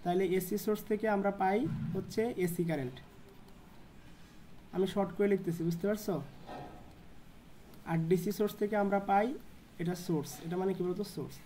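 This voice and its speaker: A woman tutoring electronics at a board, asking questions and answering them herself in a lower voice. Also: fairly quick, long pauses, warm tone, a little hiss or hum. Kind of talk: whiteboard lesson.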